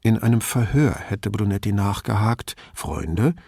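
Male audiobook narrator, husky voice, lively intonation, dry close mic. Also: lowish voice, moderate pace, no echo. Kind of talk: scripted narration.

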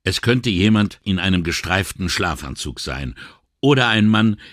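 Man voicing a calm, thoughtful commissioner. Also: low voice, no echo, clean studio sound. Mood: reasoning. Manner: measured and reasoning, gently wry. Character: calm, thoughtful middle-aged male police commissioner. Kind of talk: audiobook character reading.

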